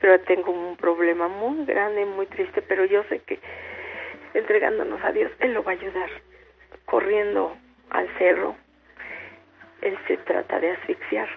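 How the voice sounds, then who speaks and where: An older woman with a gravelly voice, calling in to tell a long, devout family story. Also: medium pitch, fairly even intonation, measured pace, long pauses. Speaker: radio caller. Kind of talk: tearful personal testimony. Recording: tinny phone line with faint hiss.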